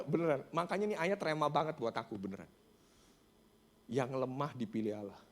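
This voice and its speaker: A man preaching a sermon, telling a story and acting out its dialogue while he keeps addressing the congregation. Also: mid-range voice. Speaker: pastor. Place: church sanctuary.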